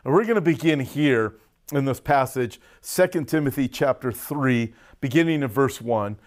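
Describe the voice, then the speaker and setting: This American man's voice sits mid-range, animated and at a normal speed. Hosting a prophecy update as a pastor, he preaches to viewers online in a casual, folksy way, addressing them directly and stressing words hard, a lozenge in his mouth as he recovers from a cough.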